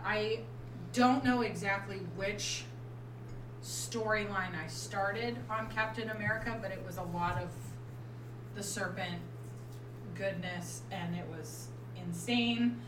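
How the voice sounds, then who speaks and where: A woman's voice: medium pitch, takes it slowly. Lady on a podcast swapping stories n banter, echoey room, bit far from mic. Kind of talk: casual group chat, telling personal anecdotes. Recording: roomy echo, distant mic, clear background noise.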